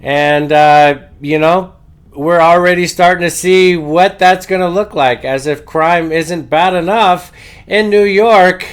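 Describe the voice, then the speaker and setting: A man hosting a political show, giving opinionated news commentary while congested with a head cold, halting often with drawn-out uhs. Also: sits high, fairly even intonation, clear, resonant tone.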